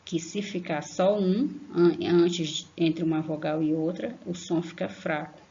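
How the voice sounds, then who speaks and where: A Brazilian woman teaching an online grammar lesson to young children, affectionate, slowly spelling out syllables and checking in with a questioning "tá?". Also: fairly low pitch, steady tone, warm tone. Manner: affectionate, tags sentences with a questioning "tá?"; slow, emphatic spelling-out of syllables. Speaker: primary school teacher. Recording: lo-fi online class recording.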